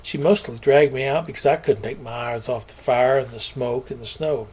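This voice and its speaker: A man's voice: mid-range voice, fairly even intonation, normal speed, darkish tone, breathy edge. Folksy man reading his story. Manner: folksy storytelling with homespun sayings. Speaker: author. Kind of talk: reading his own novel aloud, then telling the backstory.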